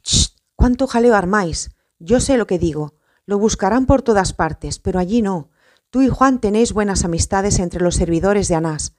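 Confident know-it-all apostle guy, persuasive, read by a woman, mellow tone. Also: mid-range voice, expressive, normal speed, no echo, clean studio sound, lightly acted. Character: shrewd, self-assured adult male apostle.

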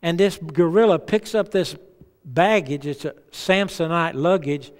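A man's voice: a little high, measured pace. Folksy male preacher in an echoing hall. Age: middle-aged. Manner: conversational, folksy storytelling. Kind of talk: revival sermon with anecdotes. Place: large church sanctuary, on stage. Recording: reverberant church hall sound.

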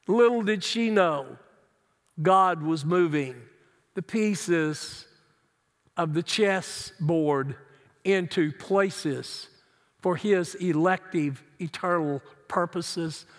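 A middle-aged male pastor with a high voice draws out his words as he preaches an earnest, emphatic sermon from his seat in a large church sanctuary. He gestures widely with his hands, and the recording carries the long reverb of the church hall.

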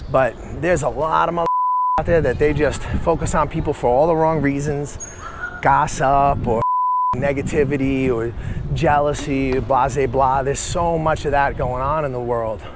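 A man's voice: mid-range voice, fairly even intonation, moderate pace. A man in his forties talking casually to camera while walking through a city, rambling and blunt, cutting off his own swear words. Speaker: vlogger and life coach. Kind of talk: casual walking vlog monologue. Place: city streets outdoors. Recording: outdoor street noise.

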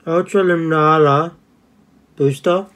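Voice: mid-range voice, fairly even intonation, takes it slowly, fairly bright tone. Casual card-opening host, chatty, joking, hums sound effects, indoors. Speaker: channel host.

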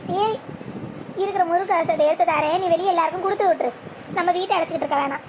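A woman's voice: very high voice, racing, noisy background. A woman voicing a spiteful, scheming old grandmother in a cartoon, scornful and scolding.

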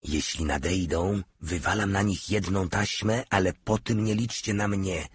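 A man voicing a boastful, mocking male soldier in an audiobook, with a husky voice. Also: deep voice, fairly even intonation, a little slow, dry recording. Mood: tense whisper.

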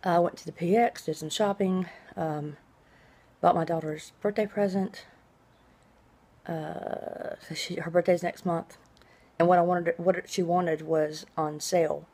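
This vlogger, a middle-aged woman with a deep voice, chats from a small room in her home as though recording a diary entry. Her tone is steady and warm, her pace a touch slow, and her drawn-out s sounds hiss as she rambles on.

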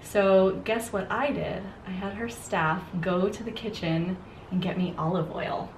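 A woman makeup artist chatting and telling stories while doing someone's makeup, giving gentle directions and laughing often. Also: medium pitch, steady tone, measured pace. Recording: echoey room with faint noise.

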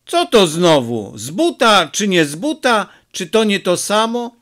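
A man's voice: high voice, big pitch swings, measured pace, a bit bright, voice pushed up, exaggerated voice. A man doing a short-tempered village father. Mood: angry, scolding. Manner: scolding, exasperated.

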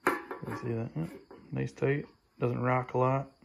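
A man giving a relaxed, plain-spoken update while filming his own project in a home garage on a handheld phone. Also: mid-range voice, a little slow, gravelly, over music. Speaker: tractor restoration vlogger. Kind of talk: casual workshop update. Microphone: handheld phone camera, filming while talking.

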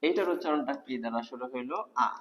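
A man's voice: medium pitch, quick pace, lo-fi sound. A man teaching English grammar in a video lecture, explaining step by step and asking the class rhetorical questions. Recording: long reverb of a hall.

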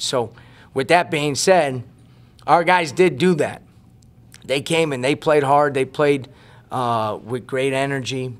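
Man in his forties, basketball coach, earnest emphatic postgame answers, repeats words, table mic in a press room. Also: mid-range voice. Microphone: table mic on a stand.

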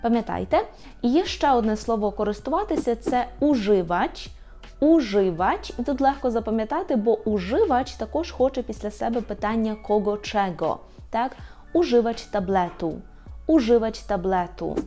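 A woman teaching an online language lesson, patiently saying each word slowly and repeating it for practice. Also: fairly high pitch, expressive, dark tone, faint music behind.

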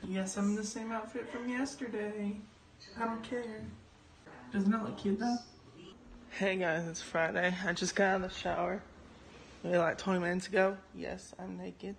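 A woman's voice: medium pitch, steady tone, normal speed, gravelly, poor audio. A young woman filming a casual home vlog on her phone, talking in a wry, joking, offhand way. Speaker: vlogger. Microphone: phone held by hand. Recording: phone recording with noise.

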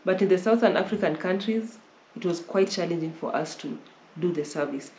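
A young Kenyan travel vlogger sits on a sofa in her living room, offering casual Q&A advice and repeating and rephrasing as she explains. Her voice is lowish and darkish, a little quick, and the recording sounds roomy with faint noise.

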